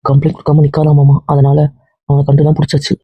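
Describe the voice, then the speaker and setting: A calm young man, voiced by a man with a husky, slightly raised voice, explaining quickly and reassuringly. The sound is dry and dull, like a lo-fi recording. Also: on the high side, no echo. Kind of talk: Tamil family drama dialogue.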